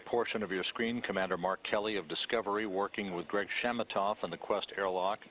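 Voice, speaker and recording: A man giving live mission control commentary in a measured, formal announcer manner with pauses. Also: on the low side, fairly even intonation, a bit bright, a little hiss or hum, poor audio.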